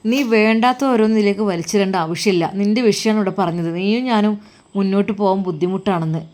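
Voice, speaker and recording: A woman voicing a stern, weary religious husband with a Malappuram Malayalam accent, in a lowered, quiet, firm voice. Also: fast, lightly acted.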